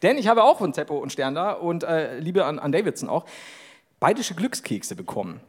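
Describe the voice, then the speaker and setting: A man with a Bavarian accent co-hosting a live comedy podcast on stage, excitable and laughing often. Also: on the high side, normal speed, breathy edge.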